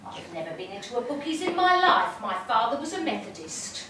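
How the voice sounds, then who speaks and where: A woman's voice: on the high side, very animated, fairly quick, sharp tone. A woman playing a chatty, genteel older female medium, fussy, gossipy and amused at herself. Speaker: spirit medium. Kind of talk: stage monologue. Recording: roomy, distant and noisy.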